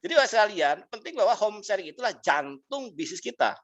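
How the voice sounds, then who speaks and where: A man teaching a business class as a mentor, telling stories in an animated way, laughing often and acting out the people he quotes. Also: high-pitched, a little fast, highs cut off. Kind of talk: motivational storytelling talk. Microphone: video call.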